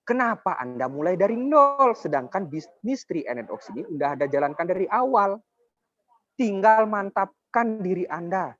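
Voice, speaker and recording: This is a network marketing presenter in his twenties delivering a motivational sales presentation meant to persuade, frequently addressing listeners directly. He speaks on the high side, captured in a dull, lo-fi recording with no echo.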